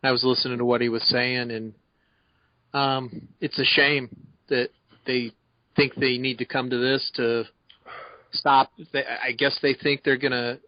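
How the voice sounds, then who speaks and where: A man's voice: medium pitch, flat delivery, measured pace, no room sound, muffled recording. A man joining an online show as a guest, hesitant and thoughtful. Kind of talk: casual online talk.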